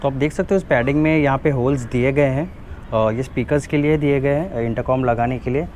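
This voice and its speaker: Brisk and slightly mellow, a mid-range male voice with an Indian accent runs through a hands-on product demo, flipping between Hindi and English. It's a casual unboxing-and-install video from a motovlogger, with slight noise behind him.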